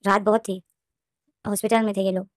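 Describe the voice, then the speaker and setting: A woman narrating her own fan fiction story, retelling scenes rapidly and emotionally with frequent restarts. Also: mid-range voice, level tone, no echo, studio quality.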